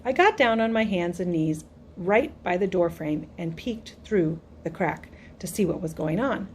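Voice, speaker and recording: A woman narrating a first-person audiobook in an even, storytelling delivery. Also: lowish voice, measured pace, slight background noise.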